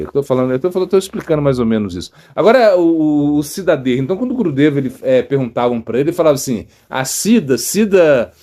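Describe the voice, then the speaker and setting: A middle-aged man with a Brazilian Portuguese accent, giving a casual storytelling sermon as a monk, animated, with many fillers and repeats. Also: mid-range voice. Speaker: monk giving a spiritual talk.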